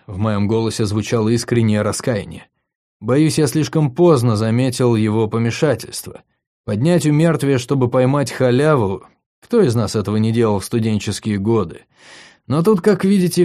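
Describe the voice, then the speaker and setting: A man with a mid-range voice narrates a fantasy audiobook in the first person. His delivery is dry and wry. He reads in a steady, scripted way. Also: medium pitch. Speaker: audiobook reader.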